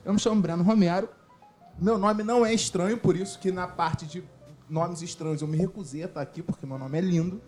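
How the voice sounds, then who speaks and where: High-voiced joking man guest. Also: brisk, a little mellow, soft background music. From Rio de Janeiro state, Brazil. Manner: joking, self-mocking. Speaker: podcast guest. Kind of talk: casual podcast chat.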